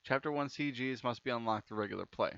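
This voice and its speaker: A young man does casual let's play commentary, reading game text aloud and tripping over repeated words. His medium-pitched voice is quick, a bit bright and clean with vocal fry, no room sound, though the dull lo-fi mic carries game music behind him.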